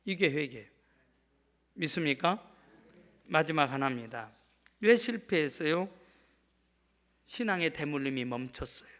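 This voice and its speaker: A man's voice: on the high side, lively intonation, a little slow, pauses often, a bit bright. A middle-aged male pastor preaching a sermon emphatically, often asking the congregation to answer back. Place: church sanctuary.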